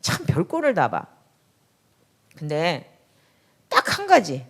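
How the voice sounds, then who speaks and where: Animated middle-aged woman pastor preaching. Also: fairly low pitch, takes it slowly, breathy edge. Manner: emphatic, conversational preaching with sudden loud outbursts. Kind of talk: sermon.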